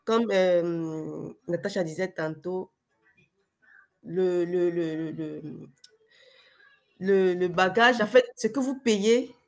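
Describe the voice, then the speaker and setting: Her voice is fairly low and a little mellow, slow, and full of pauses. As a guest on a video call webinar, this young adult former client gives a hesitant, casual testimonial riddled with fillers and restarts, her voice affected by a cold.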